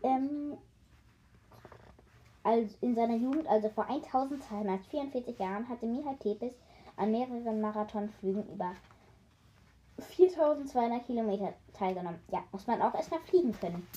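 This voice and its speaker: A woman reading a children's story aloud. She often stops to joke with her listeners, stumbles over words and corrects herself, and uses a higher voice for the characters' short cries. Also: normal speed, mellow, lo-fi sound. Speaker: reader of a children's book.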